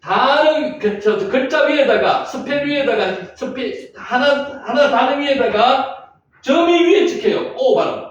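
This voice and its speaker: A man with a very high voice leads a Bible class, drilling his students and repeating each point. He is recorded from a distance in a very echoey room, and the sound is dull and lo-fi with faint noise. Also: expressive, measured pace. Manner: repetitive, drilling students with questions. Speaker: Bible teacher. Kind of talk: classroom lecture.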